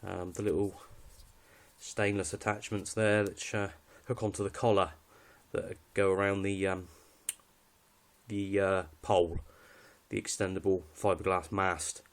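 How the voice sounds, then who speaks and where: Showing off his radio gear, a British man talks through his kit casually and without a script, in a matter-of-fact way with slight hesitation. He speaks low, level and unhurried.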